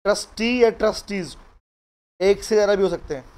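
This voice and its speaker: Speaking in a high, smooth voice with a darkish tone, a middle-aged law lecturer with an Indian English accent leads a live class. He slowly dictates notes, blending Hindi and English, and addresses students by name.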